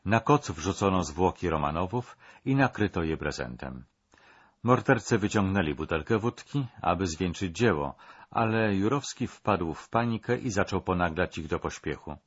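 Deep husky male documentary narrator. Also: lively intonation, dull audio. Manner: measured, dramatic storytelling.

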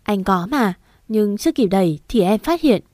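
A woman reading the lines of a tender, earnest young husband in a storybook romance, in a gentle, reassuring way. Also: mid-range voice, expressive, normal speed, no echo, studio quality, lightly acted.

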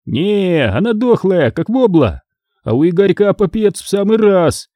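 A man's voice: sits high, very animated, unhurried, mellow, dry recording, voice pushed up. A man voicing an impatient, vicious male thug who threatens a victim. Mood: menacing. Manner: threatening, harsh.

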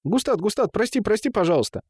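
A man voicing a simple-minded, childlike young man who pleads in a high voice and repeats his words frantically. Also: very animated, fast talker, a little mellow, breathy edge, no echo, clean studio sound, full character voice. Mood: distressed. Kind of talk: audiobook character voice.

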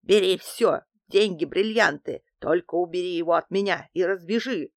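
A woman's voice: fairly low pitch, unhurried, a bit bright, no room sound, clean studio sound. A woman voicing a panicky old male antique dealer, a greedy schemer who pleads and wails frantically. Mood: panicky pleading.

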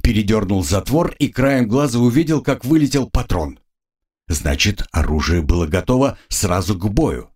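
Husky low-voiced male narrator. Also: animated, normal speed, darkish tone. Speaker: audiobook narrator. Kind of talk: scripted narration.

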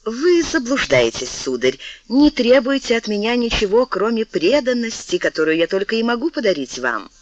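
A man voicing a tender, sorrowful noble lady, a marquise, in a soft, wistful, reproachful way. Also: very high-pitched, very animated, normal speed, hardly any pauses, dry recording, voice pushed up. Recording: dull lo-fi dry recording.

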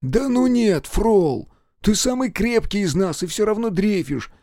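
A shrill, jittery young villager, as a male narrator puts him on, his voice jumping high and all over the place. He pleads in a nervous rush, recorded dry and close like a studio audiobook. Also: animated, measured pace, dark tone, dry recording. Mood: agitated. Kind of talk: audiobook character voice.

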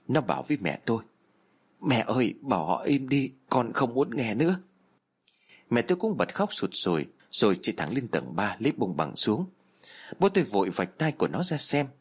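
Husky man reading a horror story. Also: fairly low pitch, a little fast. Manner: expressive, varied delivery. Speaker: story narrator. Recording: soft music underneath.

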